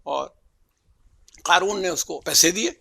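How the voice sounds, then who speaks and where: A man delivering a religious sermon, telling stories and voicing the figures in them with sudden loud rises. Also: sits high, vocal fry, husky, no room sound. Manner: storytelling, acts out quoted figures with loud rises. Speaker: religious speaker. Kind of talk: Muharram majlis sermon.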